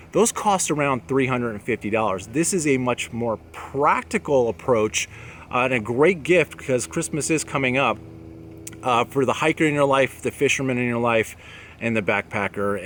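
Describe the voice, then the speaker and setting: The host of an outdoor gear channel chats plainly to camera about products, his medium-pitched voice fairly bright in tone. He's standing outside among trees and apartment buildings, and the recording picks up noticeable outdoor ambience.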